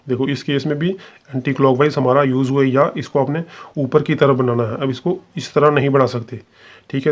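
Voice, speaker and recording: Patient male shorthand teacher. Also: mid-range voice. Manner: patient, repetitive, often checks in with "ठीक है". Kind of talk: explanatory classroom lesson.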